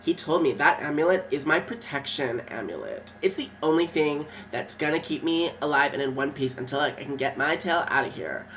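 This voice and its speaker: A man's voice: fairly high pitch, lively intonation, a little fast, few pauses, fairly bright tone, distant mic, slight background noise. A man hosting a web series in character, telling a dramatic story in a breathless, gossipy way full of fillers.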